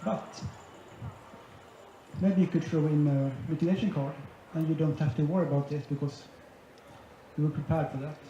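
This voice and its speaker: Male conference speaker with a warm, dark tone. Methodical delivery, recorded far off in a large hall with faint room noise. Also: on the high side, steady tone, moderate pace, long pauses. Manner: methodical, summarizing point by point. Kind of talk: conference presentation. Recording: echoey hall, dull sound, faint ambience.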